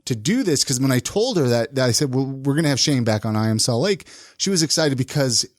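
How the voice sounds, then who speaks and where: A man's voice: medium pitch, lively intonation, brisk, no room sound, studio quality. A man hosting a casual podcast chat, easygoing, also reading out a plain ad. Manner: chatty, easygoing, reads ad copy plainly. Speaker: podcast host.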